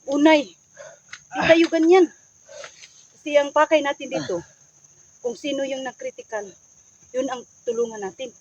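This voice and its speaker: A woman vlogger stepping in to calm two arguing friends. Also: sits high, moderate pace, long pauses, muffled recording. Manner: pleading, peacemaking. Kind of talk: mediating a staged argument.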